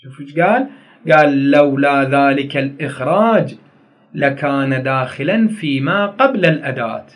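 A man's voice: mid-range voice, lively intonation, normal speed. A man with an Iraqi Arabic accent teaching a grammar lesson, repeating key phrases and putting questions to his students.

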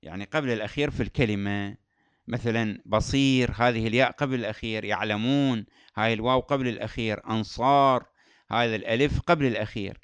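A man teaching Quran recitation rules, explaining patiently, repeating key terms and chanting verse examples slowly. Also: lowish voice, fairly bright tone, clean tone, dry recording. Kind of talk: tajweed lesson.

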